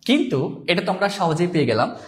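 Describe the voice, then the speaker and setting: A male teacher giving a live exam-prep lesson, reading out viewers' comments and spelling words slowly. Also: high-pitched, big pitch swings, a little hiss or hum. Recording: echoey room.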